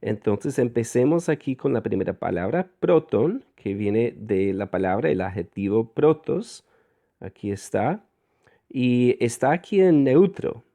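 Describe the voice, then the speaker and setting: Slow, dark-voiced male Greek teacher. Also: medium pitch, lively intonation. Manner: slow, deliberate, parses words aloud; frequent fillers and self-corrections. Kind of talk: guided reading lesson.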